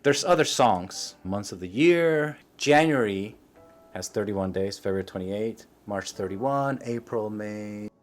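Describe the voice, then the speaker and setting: A man and parent hosting a casual tutorial vlog, chatty and joking with quick asides. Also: on the low side, lively intonation, faint music behind. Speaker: parent and video host.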